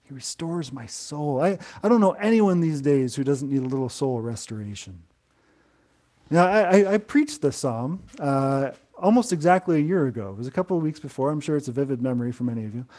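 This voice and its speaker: Mellow-voiced pastor preaching gently. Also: male voice, medium pitch, expressive, fairly quick. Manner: gentle, conversational preaching with frequent restarts. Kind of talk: sermon to an online congregation.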